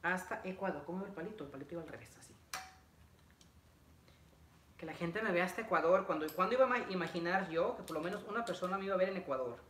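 This young man's voice is high and fairly bright, and he speaks at a quick pace. Assembling furniture in his living room on a livestream, the vlogger chats casually with viewers, reads out their greetings, and repeats himself. A camera several feet away picks up an echoey, noisy room with clicks.

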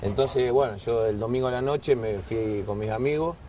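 A man from Rosario tells a football story in a relaxed, mid-pitched voice. He sits away from the mic, and clear noise runs behind him. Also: moderate pace, far from the mic. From Rosario, Argentina. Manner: relaxed, quotes others with bursts of laughter. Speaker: former footballer telling an anecdote. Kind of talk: casual anecdote telling.

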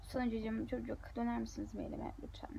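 Young female student vlogger, fairly high voice, rambling and exasperated, faint hiss behind. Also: flat delivery, fast, creaky, dark tone, poor audio. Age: young adult. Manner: frustrated, rambling venting. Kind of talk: casual vlog talking to viewers.

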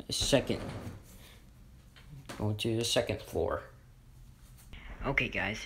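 On a noisy homemade video shot with a handheld phone or camera, a vlogger slowly walks you through a house room by room, narrating in a halting, unsure, improvised way. His low voice is creaky and sharp-toned, and clicks can be heard.

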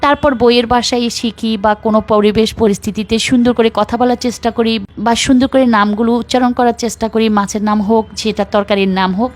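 A woman's voice: fairly high pitch, fairly even intonation, fast talker. Chatty woman narrating her cooking. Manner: chatty, rambling, repeats filler words. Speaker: cooking vlogger. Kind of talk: casual voice-over narration while cooking.

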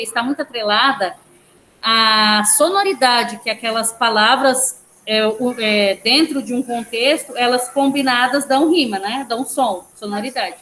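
A woman's voice: a little high, bright, forceful tone. A woman teaching a language class online, explaining step by step, counting syllables aloud and checking in with her students. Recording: echoey room, faint background noise.

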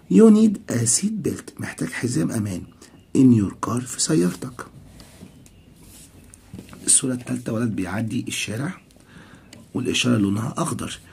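A man with an Egyptian Arabic accent, teaching a recorded English lesson for children. He says English words slowly and explains them quickly in Arabic. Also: medium pitch, gravelly, a little mellow, slightly rough.

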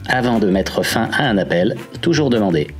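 Guy doing scripted training voiceover, fairly deep, faint music in back. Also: lively intonation, moderate pace, husky. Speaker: instructional narrator.

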